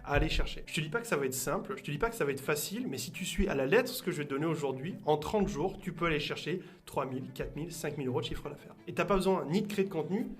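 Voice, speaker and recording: A man's voice: expressive, very fast, few pauses. A young man coaching freelancers straight to camera, talking casually and punchily to the viewer. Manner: casual, addresses viewer as "tu", punchy pitch-style delivery. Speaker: business coach. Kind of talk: direct-to-camera coaching video. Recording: faint music bed behind voice.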